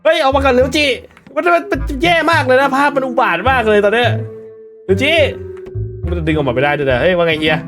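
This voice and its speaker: A man gives casual, joking let's-play commentary in a high, lively voice. He swears, laughs and reads the game text aloud. Game music plays clearly behind him. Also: fast. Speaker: gaming streamer.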